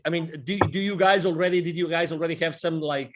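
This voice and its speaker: Guy co-hosting a chat, kinda high voice, rambles and repeats words, super eager. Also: steady tone, fast, background noise. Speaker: podcast co-host. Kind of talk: casual interview.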